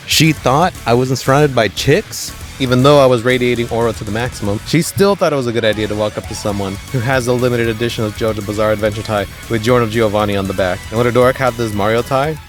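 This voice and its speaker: A young man telling comedic travel stories outdoors, self-deprecating with wry asides. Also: lowish voice. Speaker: travel vlogger.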